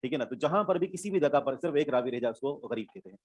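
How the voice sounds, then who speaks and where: A man's voice: on the high side, expressive, very fast, breathy edge, dry recording. A male Islamic studies teacher giving an online class lecture, explaining terms step by step, repeating them and checking that students follow.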